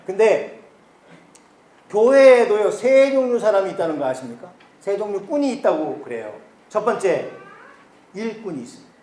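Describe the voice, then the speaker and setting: A pastor in his fifties, from the Chungcheong region, gives a light, humorous retreat sermon and keeps asking his listeners questions. His voice sits high for a man. The recording rings with the echo of a church hall, and a faint hiss sits underneath. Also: dark tone. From South Korea, Chungcheong region. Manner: folksy, humorous, asks the congregation questions.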